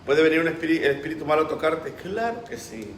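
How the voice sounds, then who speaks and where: Impassioned pastor, fairly high voice. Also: male voice, animated, fast talker, slight background noise. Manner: impassioned preaching, acts out quoted voices. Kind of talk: sermon. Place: church. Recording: roomy echo.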